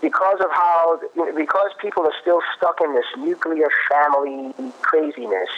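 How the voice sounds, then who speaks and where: A man explaining parenting research in a conversational way, pausing and restarting as he thinks. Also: fairly high pitch. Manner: thoughtful, restarts often, cites research. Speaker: guest expert on parenting. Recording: muffled lo-fi audio.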